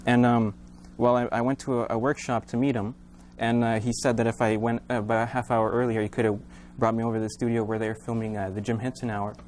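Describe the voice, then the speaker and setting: A man gives casual interview answers as a puppeteer. His phrasing is halting, though the words themselves come quickly, with light noise in the room. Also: medium pitch, flat delivery, darkish tone. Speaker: local puppeteer and puppet maker, guest. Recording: noisy room ambience.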